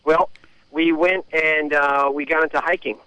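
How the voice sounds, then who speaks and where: A man's voice: fairly high pitch, steady tone, a little slow, sharp tone, clean tone, low-quality recording. Hesitant male caller on the line. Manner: hesitant, many fillers. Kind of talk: casual phone-in chat.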